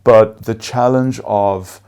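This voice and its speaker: A venture investor who grew up speaking Afrikaans answers interview questions deliberately, with many fillers and itemized points. His fairly low voice is steady, clean, and a little mellow.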